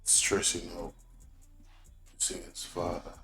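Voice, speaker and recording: Deep, slow-talking man over loud music. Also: monotone. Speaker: livestream host. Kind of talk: opinionated live commentary.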